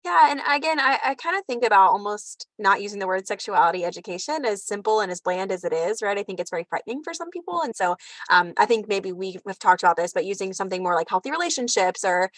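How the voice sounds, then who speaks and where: Fast-talking bubbly American woman. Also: mid-range voice, expressive, fairly bright tone, dry recording. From United States. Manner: bubbly, curious questioner. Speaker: host. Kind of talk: casual interview chat.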